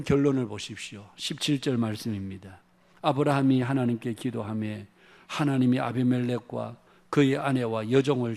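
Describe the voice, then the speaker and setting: A man's voice: mid-range voice, creaky, a little mellow. A man pastor preaching a Sunday sermon in a church, earnest, with rising emphatic phrases. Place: church sanctuary.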